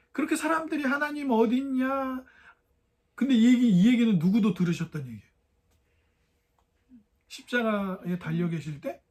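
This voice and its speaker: A young man preaching a sermon in a fairly high voice. He keeps asking his congregation questions and sometimes slips into the voices of mockers to act them out.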